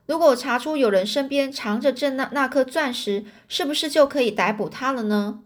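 A woman voicing a courteous, calm and wry male detective in a storybook reading. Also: high-pitched. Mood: polite. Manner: courteous and unhurried.

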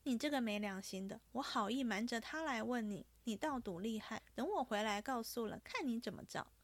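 A woman voicing a clever young maidservant who teases and playfully scolds in a lively, rather high voice. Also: fairly quick, dry recording. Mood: teasing.

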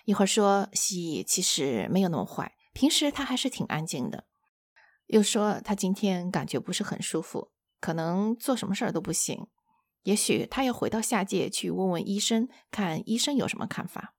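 A woman hosting a book-sharing show, retelling a chapter in a steady storytelling manner. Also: medium pitch, moderate pace, dry recording, studio quality.

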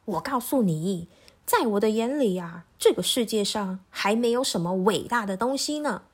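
A woman voicing an arrogant male goose in a children's story, speaking in a condescending, drawn-out way. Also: on the low side, sing-song, a bit bright, full character voice. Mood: haughty.

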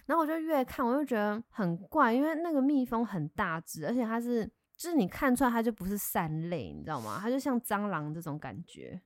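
A woman with a Taiwanese Mandarin accent, telling a story in casual, expressive chat as a co-host. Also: fairly high pitch, fairly quick, hardly any pauses, dry recording, studio quality.

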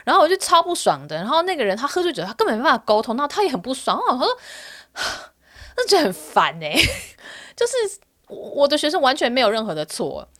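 A woman's voice: sits high, rapid-fire. A young woman who works as a rental agent, casually telling her viewers a story and getting worked up as she retells it. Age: young adult. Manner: animated, gets worked up while retelling.

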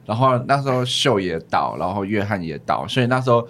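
A man recounting events in casual chat with friends, halting and repeating words. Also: on the low side, expressive, fairly bright tone, a little hiss or hum. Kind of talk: casual storytelling among friends.

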